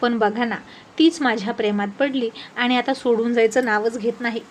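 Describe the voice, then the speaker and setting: A woman's voice: on the high side, steady tone, moderate pace, slight background noise, lightly acted. A woman voicing a cheerful older village man in a storybook tale, with a jolly, teasing, folksy way of talking.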